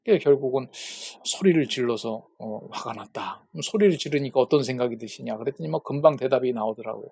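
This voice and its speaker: A man's voice: medium pitch, lively intonation, fast, gravelly, few pauses, a little mellow, slightly rough. A man giving a lecture at a peacemaking school, posing rhetorical questions and retelling conversations as little dialogues. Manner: poses rhetorical questions to the audience. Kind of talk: church-based lecture on conflict.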